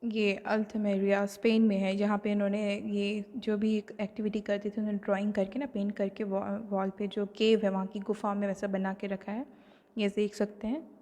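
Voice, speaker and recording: A woman teacher with an Indian accent, recorded in a room with a long, lingering reverb. She reads English lines slowly and deliberately, then switches to easy Hindi explanation with frequent fillers. Her pitch sits in a middle range. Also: little pitch movement, warm tone. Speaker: online class teacher. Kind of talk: recorded lesson explaining a textbook.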